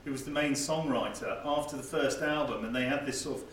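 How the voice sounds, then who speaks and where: A man's voice: medium pitch, fairly quick, fairly bright tone. A middle-aged man co-hosting a podcast in natural, unscripted conversation about music. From Northampton, England. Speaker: podcast co-host. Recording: very echoey room, distant mic, faint noise.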